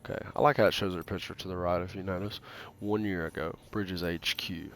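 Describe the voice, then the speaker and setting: Low-voiced man reading game text aloud. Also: steady tone. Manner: casual, swears freely, reads in a halting way with restarts. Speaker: gaming channel host.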